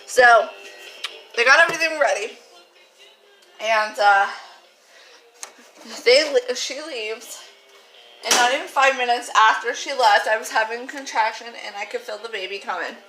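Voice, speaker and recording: A woman's voice: fairly high pitch, a little slow, pauses often, pushed and bright, faint music behind, poor audio. A young woman telling a personal story casually to her phone camera, chatty and frank, rambling with fillers and the odd swear word.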